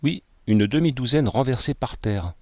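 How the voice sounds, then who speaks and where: A man's voice: medium pitch, animated, normal speed, dark tone, no echo, pitched above the performer's own voice, natural voice. A man reading an alarmed young settler. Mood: worried. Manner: alarmed, urgent warnings. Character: frightened young male settler on watch. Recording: dull lo-fi, dry.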